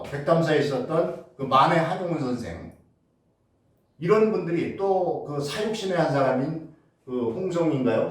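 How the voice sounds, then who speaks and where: Man, public lecture, rhetorical questions, filler sounds, fairly high voice, strong hall echo, distant mic. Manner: rhetorical questions, answered himself; frequent filler sounds and restarts.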